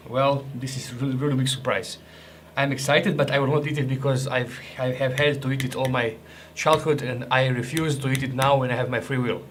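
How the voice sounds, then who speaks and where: Brief: young man, mid-pitched, chatty and jokey food vlogger, faint noise behind. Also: fairly even intonation, brisk, hardly any pauses. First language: Croatian. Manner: chatty, joking, restarts and hesitations. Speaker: ration reviewer. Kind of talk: casual food review vlog.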